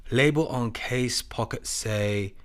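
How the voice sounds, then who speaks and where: A man's voice: mid-range voice, slow pace, a little hiss or hum, close to an everyday voice. Man acting a clipped detective, Charlie Chan. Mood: calm, shrewd. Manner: clipped broken English, dropped articles, aphoristic. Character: shrewd Chinese detective, soft-spoken, dispensing proverbs. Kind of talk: audio drama acting of a 1930s mystery.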